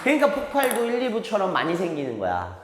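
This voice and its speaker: A man's voice: sits high, wildly swooping pitch, fast, a bit bright, slight background noise. A man teaching table tennis, talking animatedly and chuckling while he demonstrates strokes. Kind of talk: hands-on coaching demonstration. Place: large indoor table tennis hall. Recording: echoey hall with ball clicks behind.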